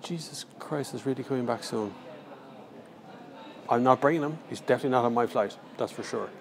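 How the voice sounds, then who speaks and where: A man's voice: medium pitch, a little fast. An Irish man chatting casually and jokily on a live stream from his phone, rambling as he answers viewers. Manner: rambling, jokey, slangy. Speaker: car reviewer livestreaming. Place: large indoor airport terminal. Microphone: handheld phone. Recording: faint airport terminal noise.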